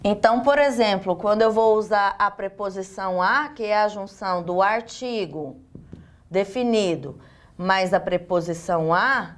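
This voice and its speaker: A woman's voice: medium pitch, measured pace. A woman with a Brazilian accent teaching a recorded online lesson, explaining step by step and asking and answering her own questions.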